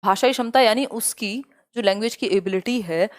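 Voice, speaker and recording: Woman teacher, live online class, reads questions slowly, direct and scolding. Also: medium pitch.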